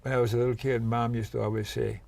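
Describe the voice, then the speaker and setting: A male host and therapist who interviews with persistent, probing questions and a gravelly, husky voice. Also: medium pitch, little pitch movement, quick pace, darkish tone.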